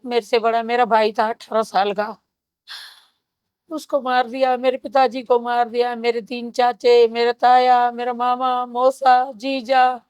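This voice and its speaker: A woman in her fifties gives a grave, steady personal testimony in an interview, telling it in short phrases. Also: on the high side, measured pace, smooth, no room sound. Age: 50s. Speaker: survivor interviewee.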